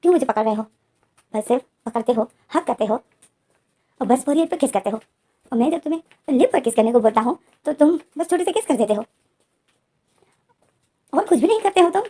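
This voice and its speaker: A tearful young man, upset and complaining, his voice climbing higher and louder as he pushes someone away, as a woman storyteller puts him on. The tone is mellow and dark, but the delivery is quick and agitated. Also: animated, breathy edge. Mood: tearful, angry. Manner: upset, pleading, rising to shrill complaint.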